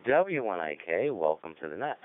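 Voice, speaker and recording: A man's voice: deep voice, big pitch swings, normal speed, dry recording. Chatty man on a ham radio link. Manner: rambling, chatty, stumbles over words. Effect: heard over a ham radio link. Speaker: ham radio net control host. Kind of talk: casual on-air net chat. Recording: narrow radio-link sound, dry.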